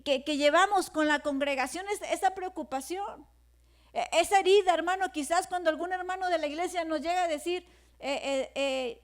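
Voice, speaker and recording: Very high-voiced woman pastor preaching. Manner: halting, repeats words, often addresses listeners as brother; grows fervent and louder toward the end. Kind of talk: sermon.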